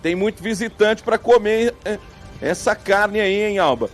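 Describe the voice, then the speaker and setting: A man reporting live outdoors from a farm fair, joking and teasing his guests with quick questions. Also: high voice, faint music behind. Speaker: field reporter and host.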